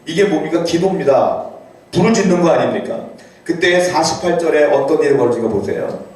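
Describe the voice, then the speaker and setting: A man preaching a sermon as pastor, animated, reading scripture aloud and rising to cries for emphasis. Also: on the high side, brisk. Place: church sanctuary. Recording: very echoey church hall, voice from far off.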